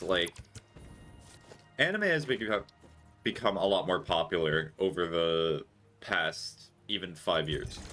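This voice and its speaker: A young man with a low-pitched, sharp-toned voice chats casually and muses aloud while streaming a game, dropping mock-dramatic remarks as he plays.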